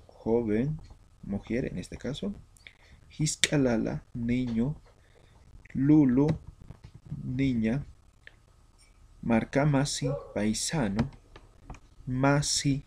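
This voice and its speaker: A man from Bolivia teaching a language lesson, reading vocabulary slowly word by word with explanations. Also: mid-range voice, vocal fry, a little mellow, slightly rough. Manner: slow, deliberate word-by-word drilling.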